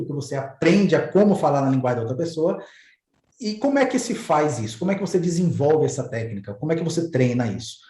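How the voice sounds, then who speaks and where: A man explains ideas in relaxed, everyday talk and illustrates them with small stories. He often repeats a word while he looks for the next one. His voice sits a little high, and the recording sounds roomy and echoey. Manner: conversational, repeats words while searching. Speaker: host explaining neuro-linguistic programming. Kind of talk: casual explanatory talk with examples.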